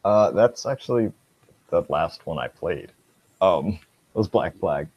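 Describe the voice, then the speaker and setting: A man's voice: deep voice, expressive, takes it slowly, darkish tone, husky, dry recording. A man in casual gaming chat, laid-back with dry remarks. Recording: dull dry lo-fi mic.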